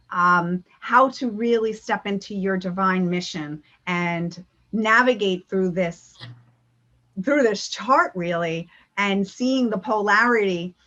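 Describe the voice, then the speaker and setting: Over a video call, a woman gives an earnest spiritual talk and Q&A, speaking about spiritual energy with many ums and restarts. Her mid-range voice has a fairly bright tone, though the recording sounds muffled.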